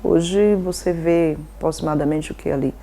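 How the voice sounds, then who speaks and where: Speaking in a low, gravelly yet mellow voice with fairly even intonation and normal speed, this NGO president from Bahia, Brazil responds to an interview. She comes across as devout and earnest, frequently adding "né?".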